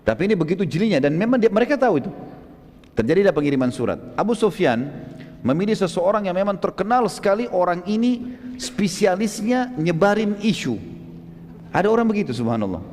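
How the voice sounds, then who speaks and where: Animated male preacher with a hall echo. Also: high voice, a little fast. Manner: animated storytelling with frequent tag questions. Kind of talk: Islamic history sermon. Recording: long hall reverb.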